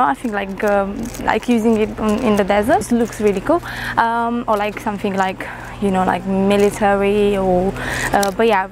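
A young woman in her twenties chatting casually to camera on a walk outdoors, full of fillers and small laughs, on a lapel mic. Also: medium pitch. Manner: chatty, hesitant, many fillers and little laughs. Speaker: photography vlogger. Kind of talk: casual vlog walk-and-talk. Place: outdoors on a city street. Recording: street noise in the background.

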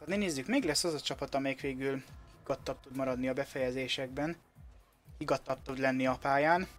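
A man giving excited live play-by-play commentary on a video game match, like a sports commentator. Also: mid-range voice, faint music behind. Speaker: esports commentator.

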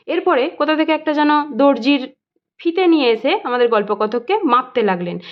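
A woman tutor with a high voice and a Bengali accent reads a story to her students, then goes back over each line to explain it simply. The recording is dull and lo-fi. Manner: reads story lines aloud, then explains them plainly. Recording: dull lo-fi sound.

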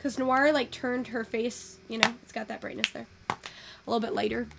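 A young woman chatting casually through a photo-editing tutorial, thinking out loud and swearing now and then. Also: on the high side, steady tone, moderate pace, vocal fry, very noisy. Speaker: virtual photography streamer.

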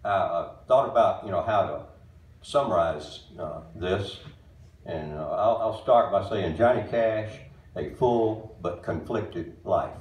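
A deep-voiced man in his eighties, a bandleader, introduces a tribute show with casual, plain stage talk, stumbling along with lots of uhs and sounding a bit mellow. He's in a small wooden-walled music barn before an audience. A distant camera picks up his stage mic, so the sound is roomy and far off.

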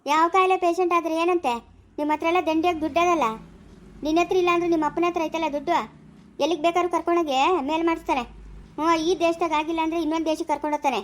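A woman's voice: steady tone, rapid-fire. Woman playing a tearful wronged young wife. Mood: bitter, accusing. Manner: high plaintive wailing and bitter accusing. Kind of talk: amateur family drama acting.

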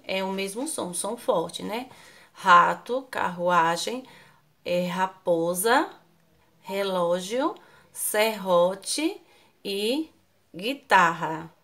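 A Brazilian Portuguese-speaking woman teaching children in an online class, slowly and patiently spelling out syllables and often asking the class questions. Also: mid-range voice, fairly bright tone. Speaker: primary school teacher.

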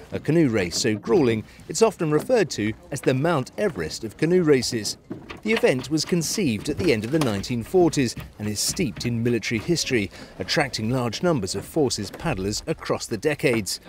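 A male news reporter giving a scripted voice-over in a measured, even delivery. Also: mid-range voice, a little hiss or hum.

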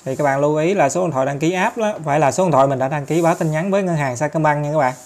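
A man's voice: a little high, racing, darkish tone. Chatty Southern Vietnamese man guiding an app setup. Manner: chatty, step-by-step, many fillers and tag particles. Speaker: tutorial host. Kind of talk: screen-recorded app tutorial.

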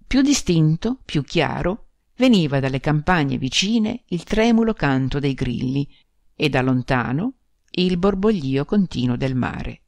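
Woman audiobook narrator, expressive literary reading, lively pitch, dry close sound. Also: creaky, no echo. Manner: expressive, measured storytelling.

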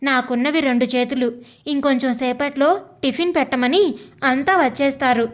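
A woman voicing a patient young daughter-in-law who speaks calmly but firmly in a narrated story. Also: sits high, moderate pace, close to an everyday voice. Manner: calm, quietly firm.

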